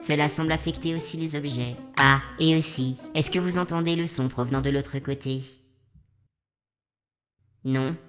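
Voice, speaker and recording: A woman's synthetic robot voice narrating as a deadpan robot vlogger in a measured, scripted way. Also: sits low, soft background music. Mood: calm, explanatory. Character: deadpan robot vlogger, calm, darkly joking. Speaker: channel host. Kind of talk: scripted narration in a fictional vlog.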